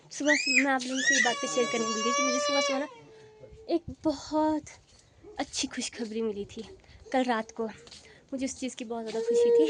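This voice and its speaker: A woman's voice: on the high side, background noise. A young woman chatting casually in a family vlog, coaxing and scolding her small kids as she goes. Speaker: vlogger and mother.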